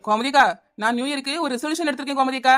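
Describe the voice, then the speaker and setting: A scatterbrained housewife in a comedy cartoon, chattering and wheedling in a Kanyakumari Tamil accent. Her voice is high. She talks fast and keeps circling back to the same name. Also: fairly bright tone, faint music behind. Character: scatterbrained housewife Chinnaponnu, adult woman.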